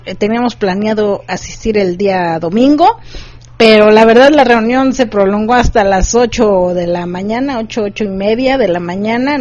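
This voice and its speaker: A woman, a podcast host reading a story aloud in a steady, unhurried way and chatting casually. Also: fairly high pitch, no echo. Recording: dry, slightly dull sound.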